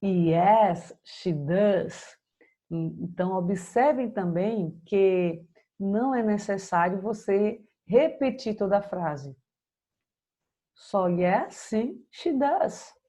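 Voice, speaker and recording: Brazilian woman teacher, slow and mellow, patient, walks students through grammar step by step. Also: mid-range voice. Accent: Brazilian Portuguese. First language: Portuguese. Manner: slow, patient explaining, checks in with "ok?". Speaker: English teacher. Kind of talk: recorded grammar lesson.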